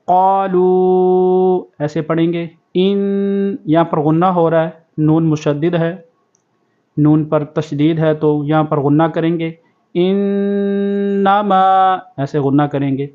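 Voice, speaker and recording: High-voiced male Quran teacher, lo-fi. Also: little pitch movement. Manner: slow drawn-out recitation, then quick spoken explanations. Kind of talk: tajweed recitation lesson. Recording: dull lo-fi sound.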